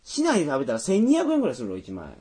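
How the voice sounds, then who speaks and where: A man's voice: a little high, wildly swooping pitch, rapid-fire, warm tone, breathy edge. A man with a Tosa accent chatting casually as a podcast co-host, teasing and quizzing his partner. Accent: Tosa (Kochi) Japanese. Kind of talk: casual chat.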